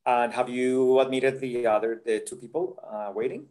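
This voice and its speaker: A man presents a career webinar over a video call. His pitch sits at an ordinary middle height as he talks in an earnest, chatty way and checks in with the audience through little tag questions. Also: normal speed, a little mellow. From Colombia.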